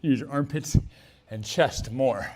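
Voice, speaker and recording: A male fitness trainer leads viewers through a strength and mobility workout while doing it himself, exhaling hard between moves. His coaching is relaxed and chatty, with a husky, ordinary mid-range voice that's a little slow.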